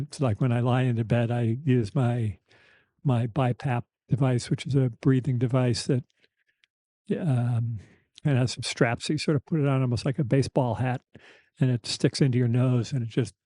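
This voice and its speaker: A middle-aged or older man hosts a podcast in a reflective personal conversation, speaking candidly and haltingly with wry reflection. His medium-pitched voice is soft and slightly weakened, with a slight lisp and thick-tongued articulation, recorded dry.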